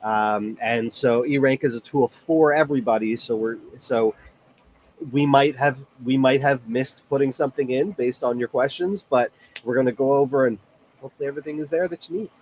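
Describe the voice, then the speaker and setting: A man's voice: mid-range voice, normal speed, a little mellow, a little hiss or hum. A man from Toronto with a Canadian accent co-hosting a live webinar, casually explaining in an easygoing, friendly way. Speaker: webinar co-host.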